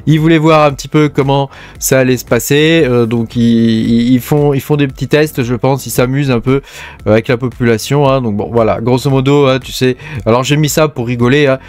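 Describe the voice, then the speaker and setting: A man's voice: mid-range voice, fairly even intonation, a little fast, a little mellow, no room sound. A man with a French accent hosting casual mining news commentary, talking in a hesitant way with lots of fillers. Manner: chatty, hesitant, frequent fillers. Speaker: crypto mining channel host.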